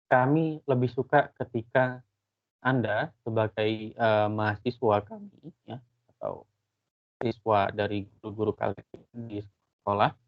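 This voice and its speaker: A male university lecturer giving a casual online lesson, explaining at length with frequent fillers. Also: on the low side. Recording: tinny phone-like line.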